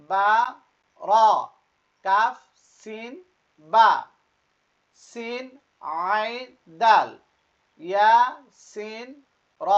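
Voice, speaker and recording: A Quran teacher drills letter names at a very slow, deliberate pace, pausing after each one and punching some out loudly. The recording sounds muffled and lo-fi. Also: medium pitch. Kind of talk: online class reciting letter names.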